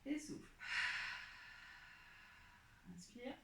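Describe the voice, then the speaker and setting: A woman teaching a pilates class, calmly cueing each breath and movement step by step. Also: very slow, very noisy. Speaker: pilates instructor. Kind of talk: guiding an exercise class. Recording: echoey room.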